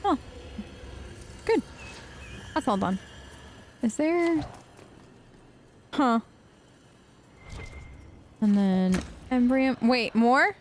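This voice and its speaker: A somewhat high-voiced woman talks through her gameplay in a chatty, excitable way and yelps when something startles her. Her commentary is loose and conversational. Faint background noise sits under her voice. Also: very slow, pauses often. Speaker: let's play host. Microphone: headphones with mic.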